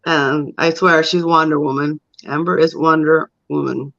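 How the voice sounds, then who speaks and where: A man's voice: fairly high pitch, fairly even intonation, moderate pace, gravelly, sharp tone, lo-fi sound. A man hosting a casual livestream chat, upbeat and laughing often between friendly reactions. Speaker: host.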